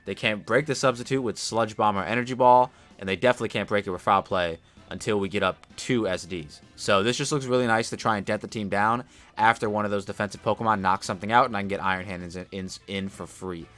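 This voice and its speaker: A man giving casual, chatty commentary over his own Pokemon battle from a room at home, relaxed and drowsy after a nap, with lots of fillers and sudden loud excited outbursts. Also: fairly low pitch, quick pace, faint music behind.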